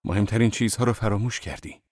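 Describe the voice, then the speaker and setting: A mock-stern, teasing boss, read by a man, his low voice rising sharply when he feigns anger. The recording is dry and close. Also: darkish tone, no echo, natural voice. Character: educated male boss, mock-stern, mildly sarcastic.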